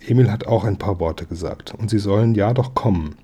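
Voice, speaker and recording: Bustling neighbor lady, eager and gossipy, voiced by a male reader; dark, husky. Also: lowish voice. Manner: bustling, gossipy, quick to reassure. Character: chatty eager neighbor woman, a baker's wife.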